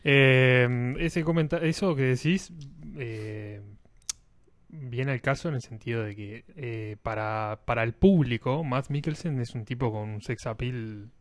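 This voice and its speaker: A man, talking in a measured way with fillers in a casual chat. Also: medium pitch, no echo.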